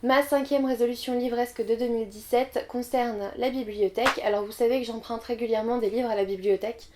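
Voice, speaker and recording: A woman's voice: fairly high pitch, steady tone, fairly quick, a little mellow, slight background noise. A young woman vlogging about her reading goals, chatty and candid, with frequent fillers. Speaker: book vlogger. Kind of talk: casual vlog talk to camera.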